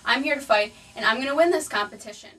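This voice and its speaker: A woman's voice: medium pitch, fairly even intonation, rapid-fire, lightly acted. A woman doing a fiery, defiant contestant. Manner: forceful, dramatic declarations. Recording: distant mic, faint music.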